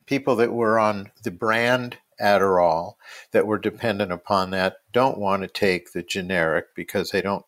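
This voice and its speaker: A man's voice: sits low, fairly bright tone, no room sound. A man speaking as a doctor on a podcast, explaining medical matters conversationally.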